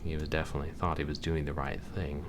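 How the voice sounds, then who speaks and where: A man's voice: rumbling low, little pitch movement, fast. A man commenting on a story game and reading its narration aloud. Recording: clearly noisy background.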